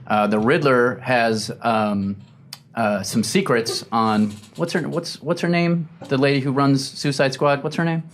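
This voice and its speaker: A relaxed man co-hosting a podcast, talking at an ordinary middle pitch. He chuckles as he recounts things, keeping the chat easygoing. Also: unhurried, slight background noise. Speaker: podcast co-host. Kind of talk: casual chat.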